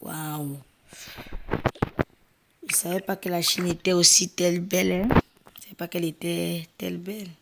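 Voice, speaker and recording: A woman's voice: fairly low pitch, little pitch movement, moderate pace, creaky, long pauses, very noisy. A woman chattily narrating her own role-play video. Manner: chatty, playful. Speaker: video creator.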